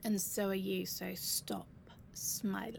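Woman acting a slow, breathy, seductive robber in whispered role-play pillow talk. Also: mid-range voice, level tone. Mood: teasing, conspiratorial. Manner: breathy, sultry, lingering pauses, sighs and murmurs. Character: seductive, commanding female bank robber, secretly a lover.

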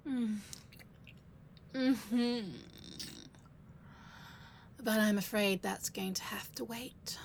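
A woman performs a sultry, commanding female bank robber in an audio drama, delivered as whispered role-play. Her voice is fairly high and breathy, often breaking into creak, with intimate pillow-talk murmurs. She draws words out very slowly, leaving lingering pauses and sighs. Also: a little hiss or hum, exaggerated voice.

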